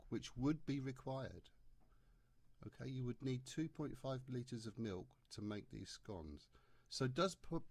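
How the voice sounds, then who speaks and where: A man's voice: mid-range voice, no room sound. Guy walking through a maths paper, jokey, plain voice, dry room. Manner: chatty, jokey, explains step by step. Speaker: maths tutor. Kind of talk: exam paper walkthrough lesson.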